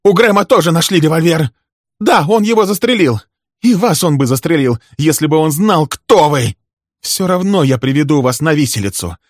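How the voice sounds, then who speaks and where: A man voicing a hysterical, furious woman who shrieks accusations, his voice pushed very high and loud. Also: lively intonation, normal speed, no room sound, studio quality. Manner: screaming, shrill.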